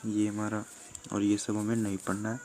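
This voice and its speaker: A man from Jharkhand, a teacher, going through a school syllabus in a steady listing manner with fillers. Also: lowish voice, normal speed, slight background noise. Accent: Jharkhand Hindi. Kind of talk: explaining a syllabus.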